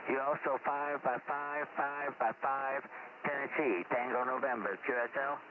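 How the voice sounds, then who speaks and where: A man's voice: medium pitch, fairly even intonation, normal speed. A man reading signal reports in clipped bursts, heard as a faint, crackly shortwave radio signal. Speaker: ham radio contact. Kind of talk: terse radio call exchange. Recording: tinny static-filled shortwave radio.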